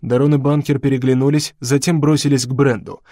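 Measured male audiobook narrator. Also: medium pitch, little pitch movement, dark tone, no echo.

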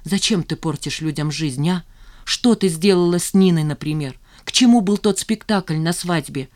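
A woman's voice: lowish voice, normal speed, a little mellow, lightly acted. A woman reading an audiobook, voicing an irritated young woman who scolds her friend sharply. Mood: bitter. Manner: scolding, exasperated.

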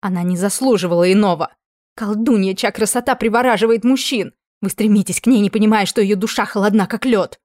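A woman doing a shrill pleading scheming queen. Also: expressive, moderate pace, no room sound, clean studio sound, natural voice. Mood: indignant. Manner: shrill, pleading, high-strung.

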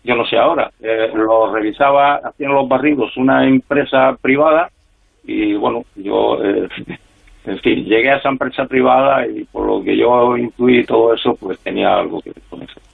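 On a tinny phone connection, a radio interview features an older man recounting his years as a freelance spy at length. He speaks at normal speed in a mid-range voice that's creaky and husky, with frequent fillers and restarts.

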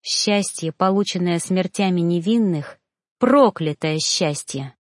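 A woman's voice: fairly low pitch, slow, no room sound, studio quality. A woman reading a first-person novel aloud as an audiobook narrator, with an emotional, dramatic delivery.

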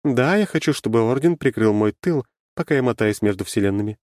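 In an audiobook, a man voices a sly, brash goddess with a cheeky, mocking manner, pushing his medium-pitched voice up while staying close to his everyday sound. His delivery is animated, fairly quick and a little mellow. The recording is studio quality with no room sound.

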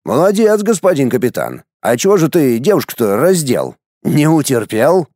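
A man doing a gruff fatherly general, teasing, dark voice, dry sound. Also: medium pitch, sing-song, moderate pace, no room sound. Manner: hearty and teasing.

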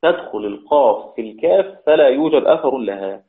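Man, recitation teacher, step-by-step explaining, slow drawn-out examples, phone-like sound. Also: medium pitch, lively intonation. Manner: explains step by step, repeats key words, draws out recited examples slowly. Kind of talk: religious lesson. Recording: tinny phone-like sound in an echoey room.

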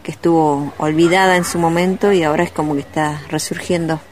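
A woman from Neuquén, a ceramist guest on a radio interview, speaking gently and hesitantly with many pauses. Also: deep voice, steady tone, slight background noise. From Neuquén, Argentina.

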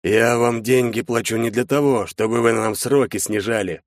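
A man reading an audiobook, voicing a stern, commanding father with a forceful manner. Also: medium pitch, steady tone, moderate pace, no echo, clean studio sound, pitched above the performer's own voice, lightly acted. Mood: demanding. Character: stern wealthy father, older nobleman.

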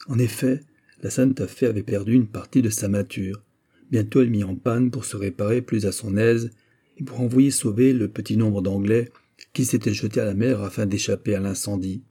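A man narrating a classic maritime story in a measured, expressive reading. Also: on the low side, husky. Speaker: audiobook reader. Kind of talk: literary narration.

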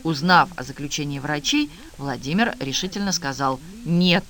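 A man reading a novel aloud in an even, measured narration. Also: on the high side. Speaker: audiobook narrator. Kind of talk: scripted narration.

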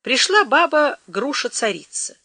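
A woman narrating a novel as an audiobook in a lively, folksy storytelling manner. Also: high voice, unhurried, dry recording, studio quality.

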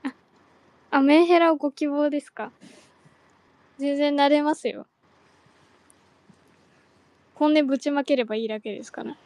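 Woman, high voice, teasing casual chat, laughs a lot, dry mic. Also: steady tone, normal speed, pauses often, darkish tone, no echo. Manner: playful, laughs often, teasing. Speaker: Spaces host.

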